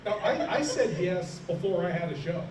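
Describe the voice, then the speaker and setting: A man's voice: sits high, moderate pace, crowd noise. A middle-aged man, a horror host, chatting and telling anecdotes on a convention panel. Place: large room at a convention, panel. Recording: roomy, distant, noisy convention hall recording.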